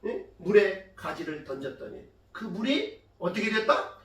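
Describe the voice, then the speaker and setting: A woman pastor preaching a sermon in a lively storytelling way, often putting questions to the congregation and rising to loud emphasis. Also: mid-range voice, moderate pace. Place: church sanctuary. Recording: echoey church hall from far off.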